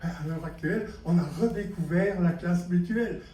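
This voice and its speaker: In a mellow, high-pitched voice at a moderate pace, a Belgian man lectures teachers at a conference. His style is chatty and self-deprecating, with lots of questions thrown to the crowd. A distant mic picks him up in an echoey hall with slight background noise.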